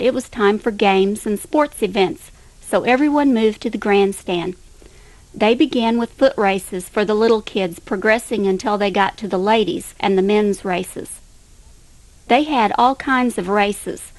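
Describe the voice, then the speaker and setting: A woman reading a nostalgic memoir aloud as a narrator, in a steady, unhurried storytelling manner. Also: mid-range voice, dry recording, poor audio.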